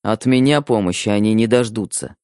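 Rough plain-spoken husband in a storybook, voiced by a man reader, low and dry. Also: fairly quick, a little mellow, dry recording, natural voice. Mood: angry. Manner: coarse, blunt speech. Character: blunt tough husband, adult man. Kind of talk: audiobook character voice.

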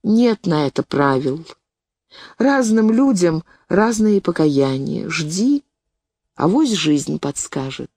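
Woman doing an older spinster aunt: remorseful, grave, unhurried, soft dark tone. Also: lowish voice, very animated, no room sound, clean studio sound, exaggerated voice. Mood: grave, consoling. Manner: anguished, self-reproaching, then grave and soothing.

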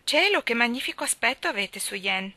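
A woman reading the part of a middle-aged English gentleman in an audiobook, voicing him in a raised, emphatic way with a touch of irritation. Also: a little high, animated, a little fast, no echo, voice pushed up.

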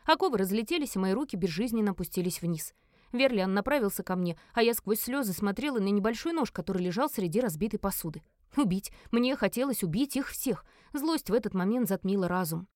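A woman narrating a first-person fantasy audiobook with an expressive, dramatic reading. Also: mid-range voice, fast talker, dry recording, clean studio sound.

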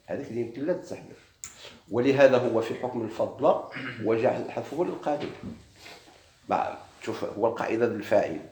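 A man with a Moroccan Arabic accent gives a classroom grammar lesson at a brisk clip, firing questions at his students as he goes. His voice rings around an echoey room with a faint hiss behind it. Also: medium pitch, lively intonation, darkish tone. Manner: explains step by step, quizzing students with questions.

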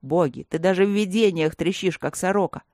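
A woman's voice: lowish voice, a little fast, a little mellow, no room sound, studio quality, lightly acted. A woman doing a curt, arrogant young heir. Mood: curt irritated. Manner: clipped, grumbling.

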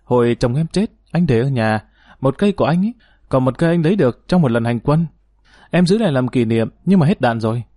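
Brief: lively young woman in an audiobook, read by a man, teasing and affectionate, raised voice, dry close sound. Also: medium pitch, fast talker, dry recording, lightly acted. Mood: earnest. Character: spirited young woman, affectionate, plain-spoken.

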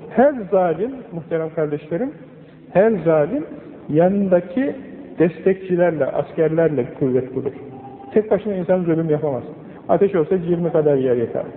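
An older man preaches a sermon, earnest and admonishing, pushing hard on his key points. His voice sits fairly high. The old recording is thin and phone-like, with a long echo from a large hall. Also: expressive, normal speed. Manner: earnest, admonishing, rising emphasis.

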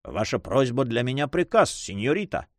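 A polite, earnest young suitor of noble bearing, voiced by a male reader. His lines move with lively intonation. The recording is dry and close. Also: medium pitch, normal speed, no room sound. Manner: courteous, earnest.

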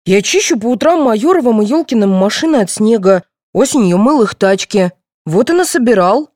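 A woman reading the part of a clever, cheeky teenage boy who calmly argues back. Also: fairly high pitch, normal speed, no room sound, clean studio sound, voice pushed up, natural voice. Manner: calm, reasoning, pert.

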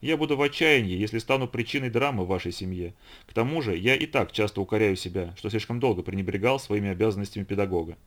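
A man voicing a composed, unflappable male educator in an audiobook reading, speaking calmly. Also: on the low side, quick pace, hardly any pauses, close to an everyday voice. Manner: calm, composed.

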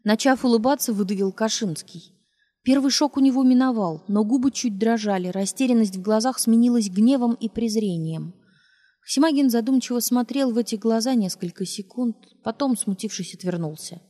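A woman narrating a novel in a measured, even storytelling manner. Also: fairly high pitch. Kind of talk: audiobook narration.

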